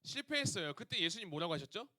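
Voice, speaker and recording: A man delivering a youth sermon, his voice pitched high and ringing. He speaks in a lively, animated way, throwing questions at the young listeners. The sound is dry and close. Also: brisk, no room sound. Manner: lively, asks the audience questions. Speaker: youth pastor. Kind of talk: sermon to teenagers.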